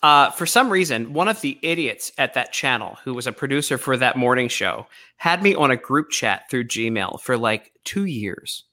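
A man's voice: mid-range voice, expressive, normal speed, few pauses, pushed and bright. A man hosting a casual remote conversation, a comedian who teases his guest and tells stories. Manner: teasing, storytelling. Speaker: host, comedian.

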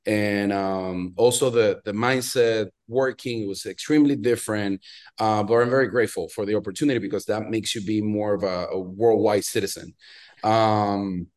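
Venezuelan man, low voice, earnest guest. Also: steady tone, moderate pace, darkish tone. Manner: earnest, many fillers and restarts. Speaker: podcast guest, watch brand founder. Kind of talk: casual interview chat.

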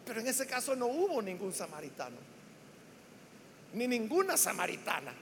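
High-pitched preacher man, emphatic, echoing hall. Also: wildly swooping pitch, normal speed, a little hiss or hum. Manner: emphatic, rising into shouts on key words; builds lists with repeated phrases. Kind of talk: sermon. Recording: long hall reverb.

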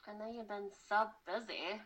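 A woman's voice: medium pitch, steady tone, fairly bright tone, poor audio. A young woman co-hosting a podcast, chatting casually and easily, laughing often and chiming in with short replies. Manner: easygoing, laughs often, quick back-channel replies. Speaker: podcast co-host. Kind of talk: casual chat.

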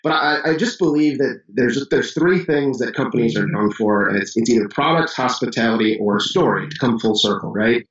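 A man's voice: medium pitch, a little fast, hardly any pauses, muffled recording. Chicago guy, roomy far-off sound. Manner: animated storyteller, many restarts and fillers. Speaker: business owner guest. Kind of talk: casual podcast interview.

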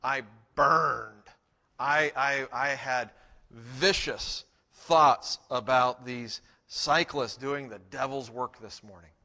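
A man's voice: mid-range voice, slow, pushed and bright, big-room sound. A middle-aged man preaching a sermon as pastor, in a conversational way with frequent restarts.

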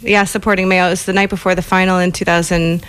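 Lower-pitched American woman chatting. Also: flat delivery, fast talker, fairly bright tone, clean tone, rough recording. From Ohio, United States. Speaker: radio interview guest. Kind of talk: casual conversational interview.

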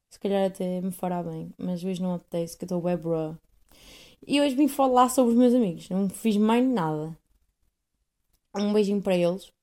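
Speaking at medium pitch with a dark tone, this podcast host is a woman in her twenties with a European Portuguese accent. Alone on the mic, she wanders through a casual monologue, poking fun at herself and using loads of fillers.

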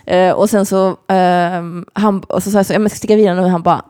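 Young woman, podcast co-host, dry close-mic sound, lively storyteller who acts out every quote. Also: fairly low pitch, clear, resonant tone, no room sound. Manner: animated, acts out quoted voices, lots of fillers. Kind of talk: casual storytelling chat.

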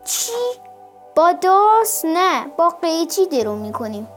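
Woman narrator voicing a contrary young village brother, high-pitched and insistent, always disagreeing, storybook reading. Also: faint music behind, natural voice.

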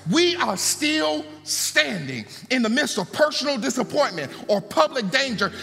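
A man's voice: extremely high pitch, creaky, bright, forceful tone. A man preaching a sermon, mixing fervent preaching with folksy asides to the congregation. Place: church sanctuary. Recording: long hall reverb, faint music.

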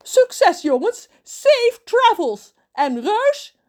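A woman reading a storybook and voicing a posh, theatrical adult female mermaid with a shrill, high voice. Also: sing-song, drawn-out words, exaggerated voice. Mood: cheery.

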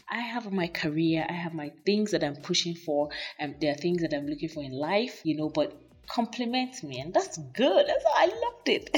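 Low-voiced woman gushing about a song. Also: darkish tone, breathy edge. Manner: enthusiastic, gushing. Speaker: music reviewer. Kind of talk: casual song review.

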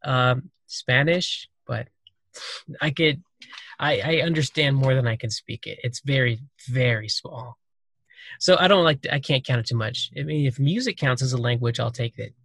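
This podcast host talks loosely and rambles through a casual conversation, full of fillers and restarts. His mid-range voice is creaky and a bit bright, at a normal speed, and the recording is dry.

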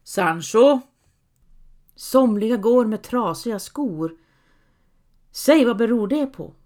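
A woman's voice: fairly high pitch, lively intonation, darkish tone, close to an everyday voice. Don Quixote, a coaxing knight read by a woman. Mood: urging. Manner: coaxing, urging. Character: encouraging dreamy male knight, steady and firm.

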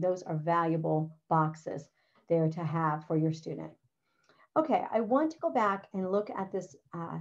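A middle-aged woman teacher talking other teachers through a writing lesson, practical and chatty, often saying "all right" and "okay". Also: on the low side. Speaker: teacher presenting a writing curriculum. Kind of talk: instructional walkthrough. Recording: slightly dull, lo-fi sound.

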